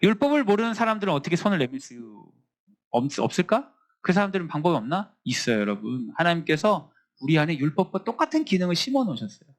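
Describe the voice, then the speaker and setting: A man's voice: on the high side, quick pace. A man, a school chaplain, teaching a Bible class to students, acting out little scenes from the classroom as he speaks. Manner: lively, acts out teacher and student voices in quotes.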